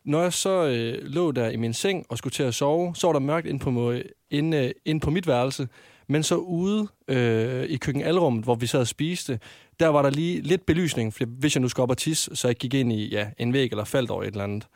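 A young man co-hosting a podcast, recalling a memory in a casual, hesitant, unhurried way. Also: mid-range voice, darkish tone, dry recording, clean studio sound. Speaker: podcast co-host. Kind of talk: casual chat.

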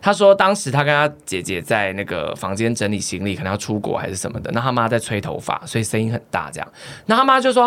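Woman podcast co-host, very lively melody, laughs a lot. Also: rumbling low, quick pace, few pauses. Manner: animated, laughs often. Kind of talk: casual chat, storytelling.

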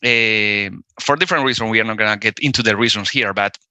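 A man's voice: on the low side, quick pace, bright, forceful tone, dry recording. A man in his forties from Colombia with a Colombian Spanish accent, a Spanish native speaker talking as a guest in an interview, hesitant, with many fillers and restarts. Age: 40s. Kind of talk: casual interview conversation.

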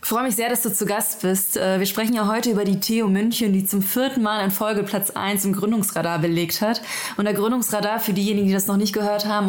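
Female interview host, mid-pitched, talking conversationally with a guest. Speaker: podcast interviewer.

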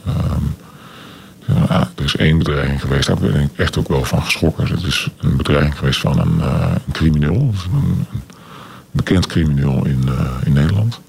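A man in his forties being interviewed on radio, his voice disguised by a deep pitch-shift distortion. He talks hesitantly and deliberately, with many filler sounds. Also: creaky, darkish tone, a little hiss or hum. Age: 40s. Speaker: anonymous interviewee.

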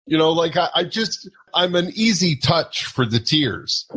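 A man's voice: on the high side, expressive, measured pace, fairly bright tone, husky. A middle-aged man telling a self-mocking anecdote as a guest, laughing often. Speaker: guest telling a touring story. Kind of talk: anecdotal storytelling.

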